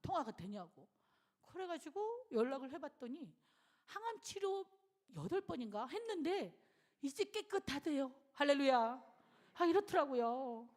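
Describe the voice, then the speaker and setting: A woman's voice: high voice, normal speed. A middle-aged woman pastor giving a sermon in a church, telling a personal story with emotion and acting out what others said. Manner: animated, emotional storytelling, acts out quoted voices. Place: church sanctuary.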